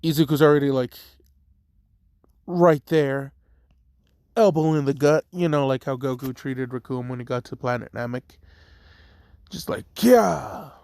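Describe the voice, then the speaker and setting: A man's voice: medium pitch, steady tone, moderate pace, pauses often, darkish tone, smooth, no echo, studio quality. A man casually narrating a fan story, rambling with lots of "like," swearing now and then and talking between bites of food. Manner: rambling, lots of "like", swears, talks while eating.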